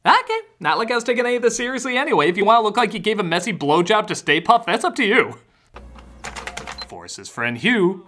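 A man's voice: high voice, pushed and bright. A man giving a sarcastic comedic film review, jumping into exaggerated mock voices.

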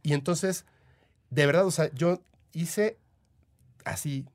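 A man's voice: fairly high pitch, takes it slowly. A man with a Mexican accent, a podcast guest telling stories in casual chat, eager and full of fillers. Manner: chatty, eager, full of "o sea" and "este" fillers. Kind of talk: casual storytelling.

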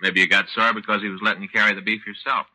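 An actor playing a persistent, blunt police detective partner asking questions in 1950s radio drama style. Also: male voice, on the low side, flat delivery, fast talker, bright, forceful tone, poor audio. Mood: pressing.

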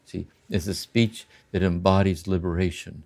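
An older man in a slow, contemplative spiritual conversation, often checking in with "See?". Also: low voice, steady tone, creaky, a little mellow. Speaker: podcast host and spiritual teacher.

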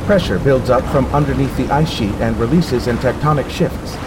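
In an audio drama, a male actor voices a spacesuit computer that is coldly logical and polite, delivering a calm, clinical warning in a measured, literal-minded way. His natural voice is medium in pitch, with heavy background noise behind it.

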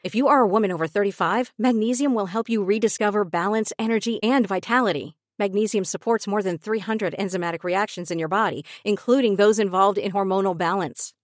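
A woman reads a scripted advertisement in a smooth, persuasive tone. Her voice sits at a middle pitch, recorded dry and close. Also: no echo. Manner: polished, persuasive. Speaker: ad announcer.

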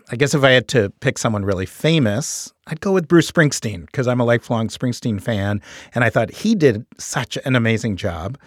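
A middle-aged author with a New York accent speaks in a thoughtful, earnest way, with an easy chuckle now and then. He is recorded close on a studio microphone in a dead, dry booth. His voice sits at an ordinary middle pitch for a man. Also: dry recording. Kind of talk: reflective interview monologue.

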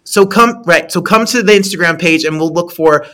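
This woman in her late thirties hosts a casual interview chat, heaping praise on her guest while often stumbling and starting her sentences over. Her voice sits lowish and a bit bright, and she talks at a moderate pace.

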